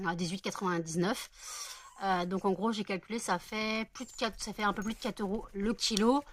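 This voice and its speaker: A woman who has not slept yet, chatting in a rambling home vlog with many fillers. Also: mid-range voice. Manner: chatty and rambling, many fillers, coos softly to her dogs. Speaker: vlogger. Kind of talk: casual vlog chat.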